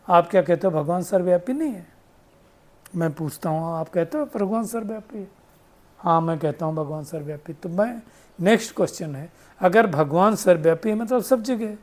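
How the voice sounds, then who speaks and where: A man's voice: sits high, a little mellow. A man giving a devotional spiritual talk, explaining patiently, quoting sayings and asking rhetorical questions. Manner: asks rhetorical questions, tag "है ना?". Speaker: spiritual teacher. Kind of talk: devotional discourse.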